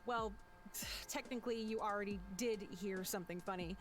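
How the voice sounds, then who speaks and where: An actress playing a lively young woman gamer in a game who talks casually and bluntly. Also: mid-range voice, brisk, soft background music, close to an everyday voice.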